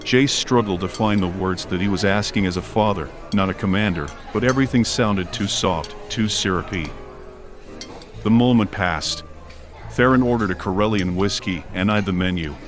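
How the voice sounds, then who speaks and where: A man narrates scripted fiction as an audiobook reader, telling the story in prose. His voice is low-pitched and his pace moderate, with faint music playing behind the narration.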